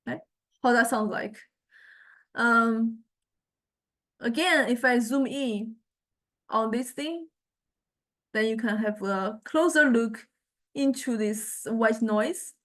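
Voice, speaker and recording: In a casual software demo, a female lecturer with a fairly high voice thinks out loud as she goes. Her delivery is hesitant, and she gropes for the right words while explaining.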